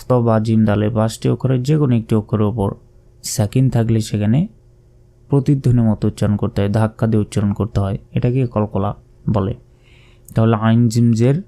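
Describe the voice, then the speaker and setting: A man with a Bangladeshi Bengali accent teaches Quran reading in a low, very mellow voice. He spells the letters out slowly and patiently, drawing out each recited word. His tone is smooth and resonant.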